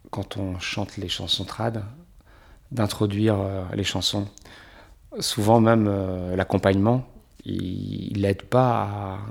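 A man who is a singer, talking reflectively in an interview, pausing often with fillers. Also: on the low side, vocal fry, breathy edge. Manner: hesitant, many pauses and fillers.

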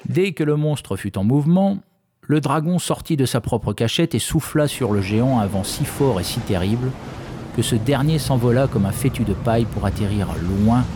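A man narrating a fairy tale in a measured, expressive reading. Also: medium pitch, background noise. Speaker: storyteller.

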